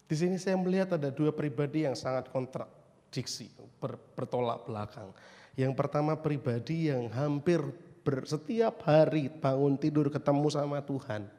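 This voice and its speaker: A man gives a youth sermon, lively and full of questions thrown to his listeners. His voice sits a little high. It rings with the long reverb of a church hall. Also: normal speed. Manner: lively, asks the congregation questions, acts out quoted voices. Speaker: youth preacher.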